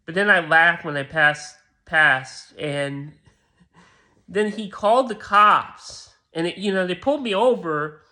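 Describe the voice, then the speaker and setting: A man telling a made-up story in a rambling, halting way, full of restarts. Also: high-pitched, pushed and bright.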